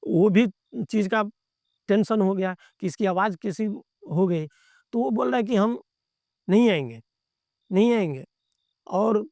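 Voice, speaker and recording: A man with a high-pitched voice recounts an experience of his own as a podcast guest. He talks in a plain, chatty way and keeps circling back to repeat his phrases. The sound is dry and close, with no room echo. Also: darkish tone. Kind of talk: casual first-person storytelling.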